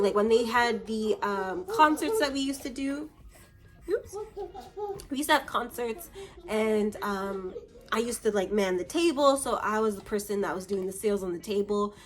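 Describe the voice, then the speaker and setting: A young woman from Canada telling a story to camera in a casual vlog, chatty and acting out the voices of the people in her story. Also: on the high side. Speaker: vlogger.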